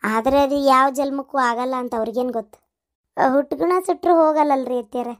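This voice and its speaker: Cartoon: actor playing a deferential young daughter-in-law; high, soft, North Karnataka accent. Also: brisk. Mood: meek. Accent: North Karnataka Kannada. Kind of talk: comic cartoon voice acting.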